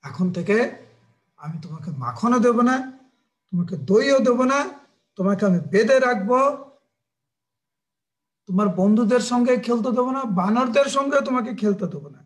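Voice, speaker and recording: Man putting on a fierce mother figure for a sermon story, high-pitched, scolding, fires off accusing questions. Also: expressive, takes it slowly, long pauses, darkish tone. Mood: stern. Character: stern angry mother scolding her child.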